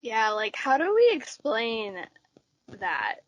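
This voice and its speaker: A woman in her twenties from Texas, a podcast guest telling stories in an animated way, filling with "like" often. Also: fairly high pitch, slow, no room sound. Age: 20s. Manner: animated storyteller, says "like" a lot. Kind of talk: casual chat.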